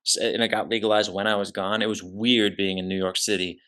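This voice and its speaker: A man's voice: lowish voice, level tone, brisk, pushed and bright, clean tone. A young man from New Jersey hosting a podcast over a video call, chatting casually and joking with plenty of swearing. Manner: profane, joking, loose. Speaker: podcast host. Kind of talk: casual chat.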